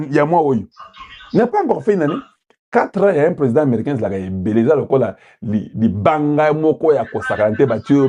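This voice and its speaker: A man from Congo with a warm, medium-pitched voice delivers political commentary in a rhetorical manner. He asks his viewers questions and occasionally switches into Lingala.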